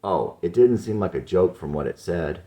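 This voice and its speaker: A man's voice: sits low, lively intonation, normal speed, warm tone. A man voicing an evasive young woman who answers in short, dismissive replies. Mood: curt.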